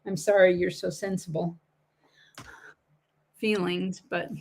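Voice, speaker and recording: Woman, livestream coin seller, gravelly voice, chatty and rambling. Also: lowish voice, little pitch movement, slow, noisy background. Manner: chatty, laughs easily, rambling asides. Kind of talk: casual livestream chat.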